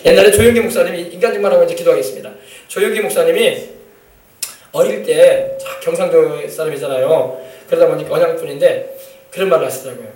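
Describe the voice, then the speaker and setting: A male pastor preaches at a quick clip, with a high, bright voice. He stresses his points, calls out to the congregation and acts out family scenes. The sound is echoey, heard from a mic some distance away in a church hall. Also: a little hiss or hum. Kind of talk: sermon. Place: church sanctuary.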